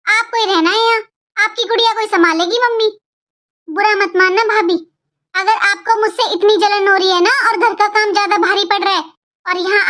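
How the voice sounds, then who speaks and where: A woman's voice: extremely high pitch, a bit bright. A woman voicing a sarcastic, spoiled young married daughter who taunts her sister-in-law in a Hindi cartoon.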